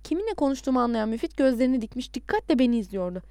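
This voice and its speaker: A woman narrating a novel in an expressive storytelling manner. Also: high-pitched, rapid-fire, no room sound, clean studio sound. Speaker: audiobook narrator. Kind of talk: scripted audiobook narration.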